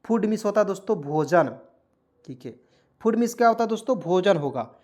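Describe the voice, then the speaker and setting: A man's voice: high-pitched, fairly quick. Patient man teaching a video class. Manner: repeats words and asks the viewers rhetorical questions; steady, patient classroom explaining. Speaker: English teacher. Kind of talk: online video lesson.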